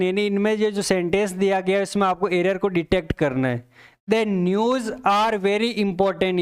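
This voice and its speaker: A man's voice: high voice, clear, resonant tone. A man teaching English for competitive exams, explaining answers step by step and repeating key points to his students. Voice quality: reads English example sentences slowly and deliberately. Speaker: English teacher for exam prep. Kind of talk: exam-prep lesson explaining answers.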